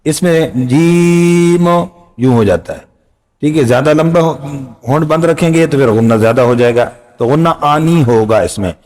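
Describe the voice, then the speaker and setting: A middle-aged man gives a relaxed, patient lesson on pronouncing letters. He repeats each phrase and stretches the sounds out so learners can copy him. His voice sits at an ordinary pitch. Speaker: Quran recitation teacher. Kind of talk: casual spoken lesson.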